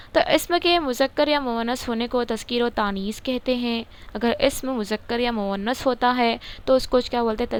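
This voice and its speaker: A woman's voice: on the high side, clean tone. Woman teaching grammar. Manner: repeats words, asks and answers her own questions. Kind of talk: casual grammar lesson explaining a textbook.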